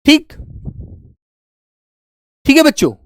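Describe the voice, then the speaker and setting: A man teaching a spelling class online, coaxing his students and slowly repeating words to show how they are said. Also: dry recording, studio quality. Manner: coaxing, keeps calling students "beta" and "bachche". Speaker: Hindi teacher.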